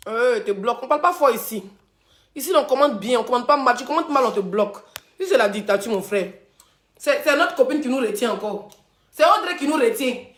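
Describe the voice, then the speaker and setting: A woman's voice: fairly high pitch, lively intonation, a little fast, echoey room. A woman hosting a live stream, taunting and chanting insults with laughter. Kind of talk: mocking live-stream rant. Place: room, phone on live stream. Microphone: phone.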